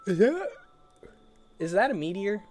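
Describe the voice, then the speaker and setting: A man's voice: high voice, sing-song, measured pace, darkish tone. A man giving casual solo commentary while he plays a game, rambling to himself in a playful, easily amused way. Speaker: gaming streamer.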